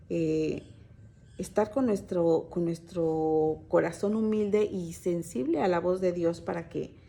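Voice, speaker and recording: Speaking to a church women's group, a female Bible teacher gives an informal sermon in a warm, creaky, mid-range voice. She talks hesitantly with many fillers and restarts, telling stories conversationally and addressing her listeners as sisters in faith.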